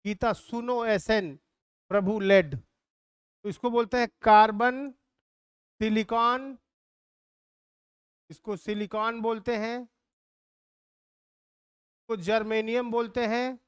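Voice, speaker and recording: A teacher leads a live online class, calling out lists and making students chant them back. The voice is smooth and crisp, recorded dry and close. Mnemonics are sung out slowly, line by line. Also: mid-range voice, fairly even intonation, dry recording. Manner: drills students in call-and-response recitation.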